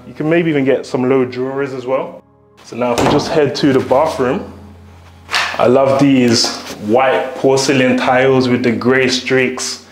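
A man's voice: medium pitch, roomy sound. A young man with a London accent leading an enthusiastic walk-through tour of a newly built house, talking straight to viewers. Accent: London English. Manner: upbeat, enthusiastic, addresses viewers directly. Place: empty newly built house, indoor rooms and garden.

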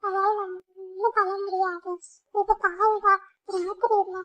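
A bold young girl, as a young performer puts her on, talks in an extremely high voice and gives the others firm orders. It sounds like a homemade doll story play. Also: flat delivery, unhurried, a bit bright, no echo, highs cut off. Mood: urgent. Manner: urgent, bossy when giving orders. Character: bold girl who tells ghost tales.

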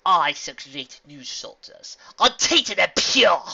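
List: narrator doing a wicked alicorn princess, slow grand threats, high and bright, muffled lo-fi sound. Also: big pitch swings, creaky, full character voice. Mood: gloating. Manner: slow, booming, imperious declarations. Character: cold, furious evil female alicorn princess.

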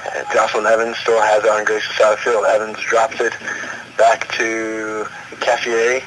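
A man's voice: on the low side, completely flat delivery, moderate pace. A man giving live play-by-play commentary on a soccer match. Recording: noisy radio-style broadcast.

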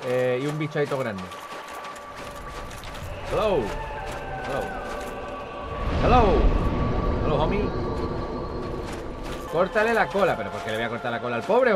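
Lively Spanish gamer guy swearing. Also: a little high. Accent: Spain Spanish. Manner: rambling, swears a lot, talks to viewers. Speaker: gaming channel host. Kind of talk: casual gameplay commentary. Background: game music.

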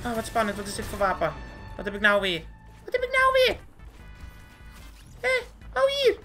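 A performer voicing a squeaky, hyper, cartoonish young male gamer, chattering boastfully through gameplay commentary. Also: moderate pace, faint music behind, heavily acted. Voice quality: squeaky, swooping, with sudden high squeals. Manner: excitable, boastful, chatters nonstop at the screen. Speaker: game commentator.

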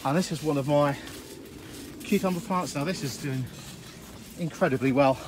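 This allotment gardener has a fairly high-pitched voice and talks at a normal speed, with slight noise in the background. Walking around with his phone camera in hand, he casually rambles through his plot and polytunnel, saying uh a lot.

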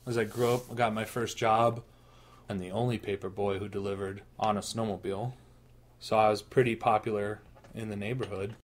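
Low-voiced joking man with Minnesota accent. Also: steady tone, brisk. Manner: joking storyteller, playful asides. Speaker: podcast co-host. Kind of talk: casual chat.

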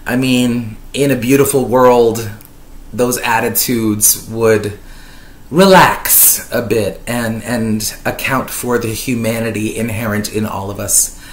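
Her voice is extremely low, fairly even in intonation, and slow as this woman from Lebanon, in her thirties, vlogs from a sofa in her living room. She's a YouTuber doing casual commentary into a desk-distance webcam in an echoey room, chatty and wordy, dry and ironic, filling gaps with fillers.

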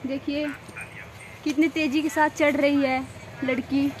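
A woman's voice: sits high, little pitch movement, measured pace. A young woman vlogging outdoors in a village, chatting to viewers and coaxing shy children to speak, recorded on a handheld phone. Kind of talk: casual vlog narration. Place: outdoors in a village among trees. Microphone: phone held by the vlogger. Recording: outdoor phone audio with clear wind and birds. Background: wind, birds and animals.

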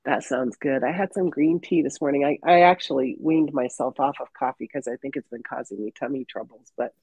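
A woman's voice: rumbling low, a little fast, creaky, a little mellow, breathy edge, no echo. A woman hosting an interview show over a video call, sounding congested and nasal at the tail end of covid, upbeat and chatty with many ums. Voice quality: stuffy, nasal. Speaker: podcast host. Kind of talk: casual interview chat. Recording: muffled dry video-call audio.

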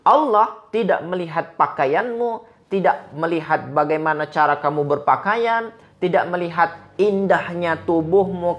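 A man from Medan giving an Islamic sermon, quoting Arabic verses and telling stories with lively, rising and falling emphasis. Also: sits high. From Medan, Indonesia. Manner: animated preaching, quotes Arabic verses and retells stories. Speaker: Islamic preacher.

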